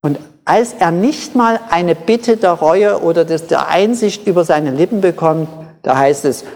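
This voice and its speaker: A preacher giving a sermon in short, deliberate phrases, repeating key points for emphasis. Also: mid-range voice, a little mellow. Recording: long hall reverb.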